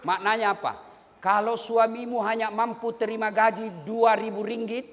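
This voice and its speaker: A man's voice: high-pitched, moderate pace. A male preacher giving a humorous sermon, joking, acting out quotes and singing snippets. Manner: jokey, animated, acts out quotes and sings lines. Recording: long hall reverb, faint noise.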